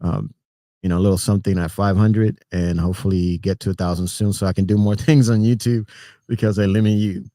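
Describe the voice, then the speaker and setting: Here a trucker livestream host, a middle-aged man from Puerto Rico, chats casually with viewers, naming them in greeting and chuckling frequently. His low, mellow voice runs a little fast, the close sound has no room tone, and now and then he drifts off-mic.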